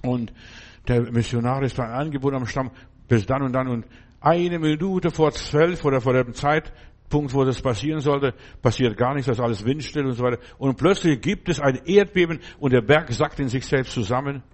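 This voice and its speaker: A man's voice: medium pitch, moderate pace. A man preaching a fervent sermon, exhorting his listeners with repeated phrases and frequent "you understand?" asides.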